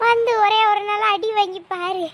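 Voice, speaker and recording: A woman voicing a loud, exasperated village mother in a family cartoon, scolding and lamenting at length. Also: extremely high pitch, steady tone, normal speed, slight background noise. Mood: comforting. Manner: scolding, dramatic complaining. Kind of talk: cartoon dialogue.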